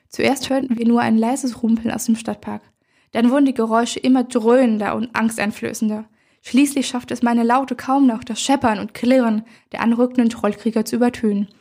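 Husky-voiced woman telling a story. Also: a little high, warm tone. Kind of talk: scripted first-person story narration.

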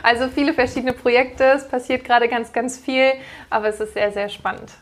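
A woman in her thirties with a fairly high voice, a yoga teacher speaking as a podcast guest. She talks in a friendly, rambling way and fills her pauses with many fillers. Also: fairly even intonation. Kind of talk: podcast interview.

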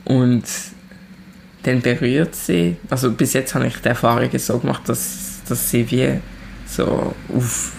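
Young woman, Swiss German accent, gravelly, direct, lively, casual interview talk. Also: rumbling low, measured pace, slight background noise. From Switzerland. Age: 20s. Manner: direct, animated, emphatic. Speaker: musician guest. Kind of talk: casual chat.

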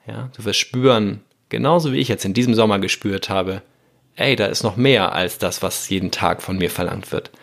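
A man's voice: lowish voice, moderate pace, gravelly, a bit bright. A man hosting a motivational self-help podcast, talking earnestly and directly to the listener. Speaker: podcast host.

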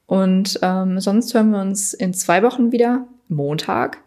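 A woman's voice: mid-range voice, measured pace. A young woman co-hosting a podcast, chatting casually and reading a serial story aloud with small slips. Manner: relaxed, reads steadily with small slips and restarts. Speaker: podcast co-host.

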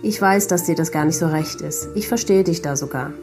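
Gentle low-voiced woman host. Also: a little fast, music in the background. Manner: gentle, empathetic. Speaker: podcast host. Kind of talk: conversational interview and scripted closing address.

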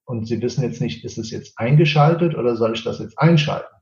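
Talking a little fast at medium pitch, the Portuguese-accented man explains his translation work in German during an interview, frequently tacking on "ja." The recording sounds roomy and slightly dull.

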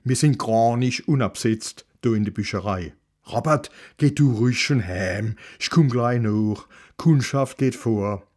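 A man voicing a hurried, bossy middle-aged woman with a who rushes in out of breath. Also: mid-range voice, a little mellow, close to an everyday voice. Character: bustling middle-aged woman, the librarian's wife.

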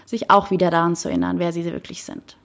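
A woman doing a wise old man, gently explaining. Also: lowish voice, very animated, quick pace, gravelly, exaggerated voice. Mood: calm. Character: wise old man, calm, kindly teacher.

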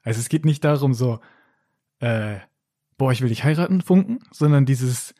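Young male co-host, casual storyteller, acts out the people in his stories with big jumps in pitch, mid-pitched voice. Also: moderate pace, dry recording, studio quality. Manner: animated storyteller acting out quotes with jumps in pitch. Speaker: podcast co-host telling a story. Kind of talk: casual chat.

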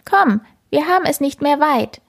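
A woman voicing a friendly, know-it-all female harbor rat in a children's story, with a brisk, reassuring manner. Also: high voice, animated, vocal fry, pitched above the performer's own voice.

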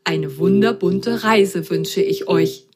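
A woman voicing a cheerful magic washing machine with a tinny, slow and stately voice in a storybook. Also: lowish voice.

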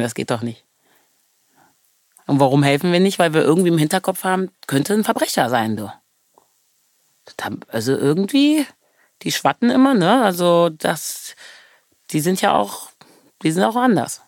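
A woman's voice: lowish voice, big pitch swings, moderate pace, pauses often, a little mellow, dry recording, studio quality. A woman from Germany, talking as an interview guest in an earnest, passionate way, stressing points by repeating words.

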